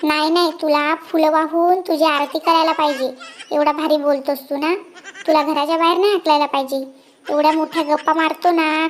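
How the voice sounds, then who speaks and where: A performer voicing an angry cartoon cat husband who scolds fast, through a high pitch-shifted effect. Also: a little hiss or hum. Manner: shouting, rapid scolding. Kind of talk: comic cartoon dialogue.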